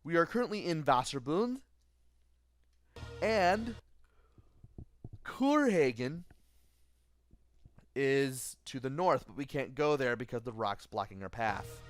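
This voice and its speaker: A tired man giving low-key gameplay commentary late at night, thinking aloud as he plays. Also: expressive, takes it slowly, long pauses. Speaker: let's play host. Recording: faint game music behind.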